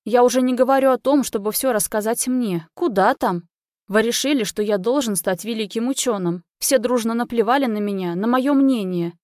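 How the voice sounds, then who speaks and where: A woman voicing an agitated young man confronting his parents in a loud, accusing manner, in a read-aloud story. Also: medium pitch, normal speed, no room sound, clean studio sound, lightly acted. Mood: shouting angrily. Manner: heated, accusing, often shouting.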